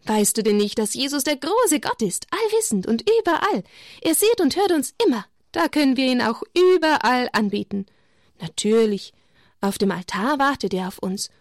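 A devout mother from a storybook, read aloud by a woman instructs children in prayer. Her delivery is firm, earnest and instructive. The voice is fairly high and sits close and dry. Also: expressive, moderate pace, no echo. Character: warm pious mother teaching children.

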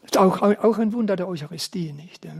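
Gravelly, very husky priest. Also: male voice, sits high, brisk. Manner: soft, half-whispered storytelling. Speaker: priest and missionary. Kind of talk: spoken testimony on radio. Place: radio studio.

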